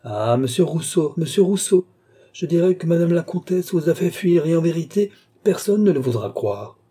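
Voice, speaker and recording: A man's voice: mid-range voice, normal speed, warm tone, breathy edge, natural voice. A man voicing a playful young prince who banters like a schoolboy on holiday. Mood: merry, teasing. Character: playful young male prince, merry and teasing.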